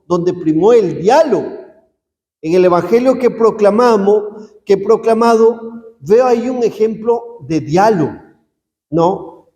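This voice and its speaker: A man's voice: high voice, mellow. A man, a priest, giving a conversational sermon full of rhetorical questions. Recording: echoey hall, long reverb.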